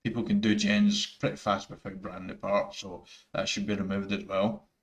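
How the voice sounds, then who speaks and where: In a lowish voice with little pitch movement, a man with a thick Scottish accent talks at a moderate pace over gameplay footage. The gaming YouTuber rambles through earnest opinions, full of fillers and restarts.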